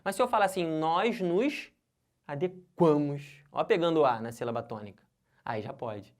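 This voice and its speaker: A lively Brazilian man giving a recorded exam-prep grammar lesson. His pitch leaps up and down as he explains, in a casual, conversational way. He keeps checking that his students are following. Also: quick pace. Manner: colloquial, constantly checks in with students. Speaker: exam-prep Portuguese teacher.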